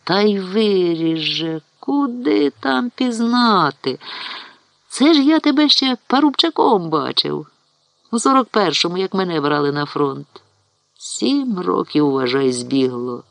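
A man voicing an older, warm-hearted village carpenter who talks in a folksy, exclamatory way, in a storybook reading. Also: high voice, sing-song, dry recording, voice pushed up, heavily acted. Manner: exclamatory, folksy, drawn-out sighs.

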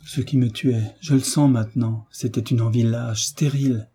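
A man's voice: medium pitch, steady tone, moderate pace, mellow, breathy edge. A man reading the part of Frédéric, an emotional young pupil, speaking in an exalted way, carried by feeling, in an audiobook.

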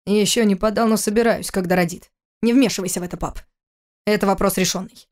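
A woman reading the part of a hard, bitter young husband who speaks curtly and forcefully. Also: mid-range voice, steady tone, fast, natural voice. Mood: harsh. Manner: forceful, curt.

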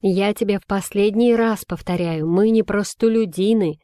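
A woman's voice: mid-range voice, moderate pace, no room sound, studio quality, lightly acted. A woman reading a storybook aloud and voicing a feisty, bossy young girl who snaps out orders. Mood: commanding. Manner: sharp and commanding.

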